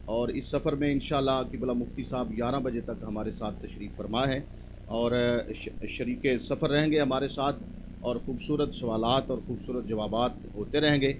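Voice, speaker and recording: A man's voice: medium pitch, noisy background. A man hosting a religious talk show, courteous and full of pious interjections. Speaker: host.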